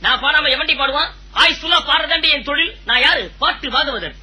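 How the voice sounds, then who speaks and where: A man playing a broke music teacher and squabbling husband, full of quick punning comebacks, in a comedy audio drama. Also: very high-pitched, sharp tone, heavily acted, rough recording. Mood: bickering.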